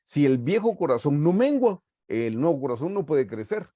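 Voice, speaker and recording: A fairly high-pitched, very animated man speaks at a moderate pace. He is middle-aged and Guatemalan, teaching a Bible study over a video call in an earnest preaching manner, with warm pastoral storytelling and frequent use of "hermanos" (brothers). The video call mic yields studio-quality sound without echo.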